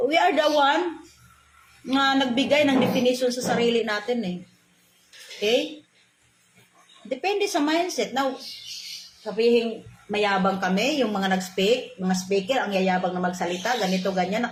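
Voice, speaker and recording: A woman from the Philippines delivering a motivational talk in a fairly high voice, preachy and emphatic, firing off rhetorical questions and dropping in English phrases. The room is echoey, with a faint hum of ambience behind her. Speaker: motivational speaker.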